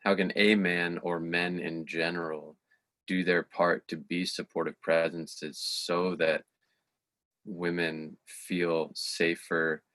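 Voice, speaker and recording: A man's voice: low voice, a bit bright, dry recording. A man hosting a conversation, speaking reflectively and searching for his words. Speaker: host. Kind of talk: conversational interview.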